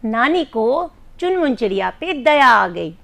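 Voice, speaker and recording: High-voiced woman teacher telling a story. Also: sing-song, a little slow, vocal fry. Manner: gentle, coaxing, asks the children questions. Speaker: primary school teacher. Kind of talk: storytelling lesson for young children.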